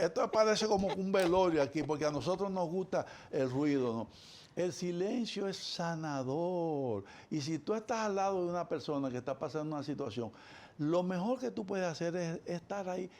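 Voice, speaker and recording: A man with a gravelly, slightly high voice, speaking as a psychologist guest in a conversational interview. He talks animatedly and slips into the voices of the people he quotes. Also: lively intonation, moderate pace, darkish tone.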